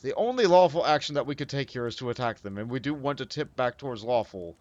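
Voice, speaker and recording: A man's voice: mid-range voice, lively intonation, fast talker, darkish tone, no echo, muffled recording. A man hosting a let's play, thinking aloud in casual game commentary, full of fillers.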